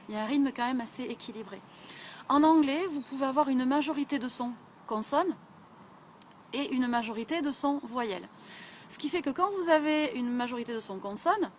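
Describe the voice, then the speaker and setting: A woman's voice: a little high, slight background noise. A woman from southwest France with a southwestern French accent, explaining English listening skills in a chatty video lesson full of fillers. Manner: chatty, many fillers like "euh" and "ben". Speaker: English teacher.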